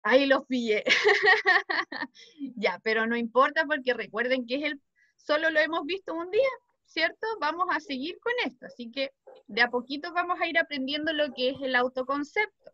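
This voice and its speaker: A woman's voice: sits high, bright, forceful tone, dry recording, highs cut off. A woman with a Chilean Spanish accent teaching preschoolers, coaxing them with questions. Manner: coaxing, asks the children questions. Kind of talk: class for small children.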